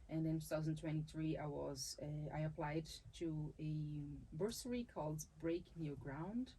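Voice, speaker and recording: Low-pitched and dark with a breathy edge, her voice moves at a moderate pace on a low-quality recording. The speaker is a Brazilian-accented dancer and capoeira teacher from Salvador, Bahia, whose first language is Portuguese. She sounds thoughtful in this conversational interview, restarting phrases often and laughing easily.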